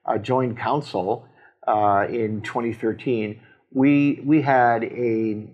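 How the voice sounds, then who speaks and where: A man, a city mayor, explaining council decisions in casual talk, halting with many fillers and restarts, with a Canadian accent. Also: medium pitch, fairly even intonation, muffled recording. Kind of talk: casual civic discussion.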